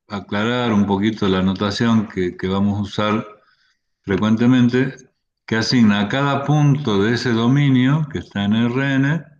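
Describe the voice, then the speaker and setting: A man's voice: lowish voice, highs cut off. A man giving an online university math lecture, explaining step by step with frequent restarts and fillers.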